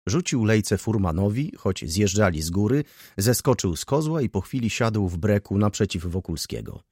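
Male audiobook narrator, low voice, lively intonation, dry close sound. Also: normal speed, slightly rough, no room sound. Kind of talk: scripted narration.

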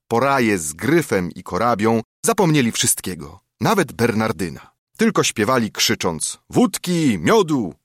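A man reciting an epic verse poem with dramatic, expressive delivery. His fairly low voice moves in lively swings of pitch. The recording is dry and close, with no room sound. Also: dry recording. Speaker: narrator.

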